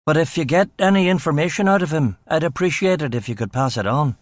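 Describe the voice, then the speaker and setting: A man's voice: fairly high pitch, quick pace, dry recording, lightly acted. A man voicing an evasive intelligence officer who talks in a hesitant, noncommittal way.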